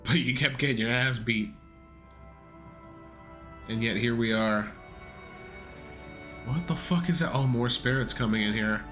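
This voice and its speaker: A man hosts a casual reaction with a medium-pitched voice. He talks in slang, exclaims often and swears freely while faint music plays behind him. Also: measured pace, pauses often, bright, forceful tone. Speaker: reaction video host.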